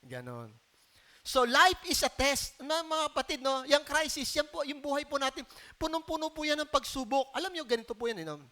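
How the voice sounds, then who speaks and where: A man preaching a sermon as pastor, lively and often calling out questions to the congregation. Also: extremely high pitch, a little fast.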